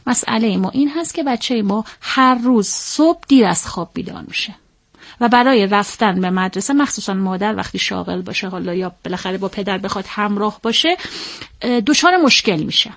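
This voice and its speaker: A woman speaking as a parenting expert in an interview, explaining step by step in a measured, methodical way and often pausing to rephrase. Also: mid-range voice, animated, fairly bright tone.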